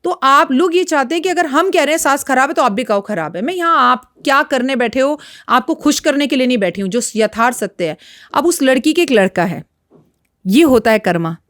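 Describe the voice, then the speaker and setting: A woman's voice: sits high, lively intonation, a little fast, a bit bright, no room sound, clean studio sound. A woman astrologer speaking as a podcast guest, frank and lecturing in a blunt, outspoken way. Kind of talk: podcast interview talk.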